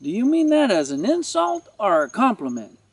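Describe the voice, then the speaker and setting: A man's voice: sits high, wildly swooping pitch, moderate pace, breathy edge, recorded from a distance, voice pushed up, exaggerated voice. A man voicing a cocky, wisecracking male ranch dog who taunts with a mocking drawl. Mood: taunting.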